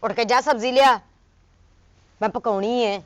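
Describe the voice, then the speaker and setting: Punjabi woman, high pitch, sharp scolding wife in a comedy skit. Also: normal speed, dry recording, highs cut off. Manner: scolding, sharp-tongued, nagging. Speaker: comic actor as a scolding wife. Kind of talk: Punjabi comedy sketch acting.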